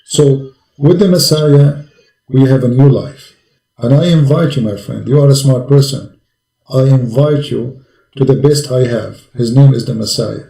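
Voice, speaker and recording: A male preacher with a gravelly, dark, mellow voice pleads with a caller. He asks question after question and speaks English with non-native grammar. His voice rings in a roomy, echoing space. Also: medium pitch, measured pace.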